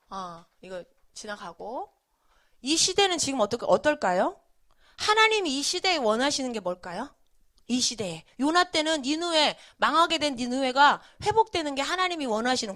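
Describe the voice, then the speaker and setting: A woman gives a children's sermon in a high voice. She keeps quizzing the young listeners with questions as she tells the story. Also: fairly bright tone. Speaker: children's preacher.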